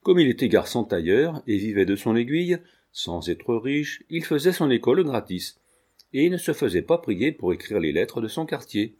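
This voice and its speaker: A man reading a classic novel aloud in a measured, expressive narration. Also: mid-range voice. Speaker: audiobook reader. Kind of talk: scripted narration.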